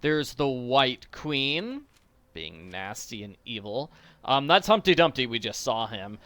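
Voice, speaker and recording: A man's voice: mid-range voice, very animated, a little slow, a bit bright, no echo. A man hosting a game walkthrough with casual, playful, jokey commentary.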